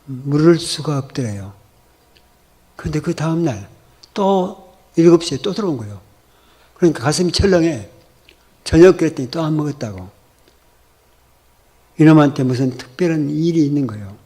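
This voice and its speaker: A man's voice: fairly high pitch, animated, normal speed, long pauses, mellow, breathy edge. Male pastor telling a vivid story. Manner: vivid storytelling, acts out dialogue. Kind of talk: storytelling sermon. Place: church.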